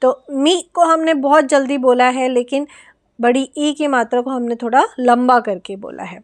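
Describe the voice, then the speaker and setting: An Indian woman teaching an online lesson for parents, explaining step by step and stretching out example words. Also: high voice.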